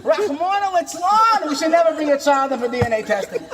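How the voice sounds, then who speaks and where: A man doing a comic impression of an impassioned, warm, questioning rabbi, telling inspirational stories with dramatic, preacherly refrains. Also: very high-pitched, sing-song, fairly quick, a crowd in the background. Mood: dramatic storytelling.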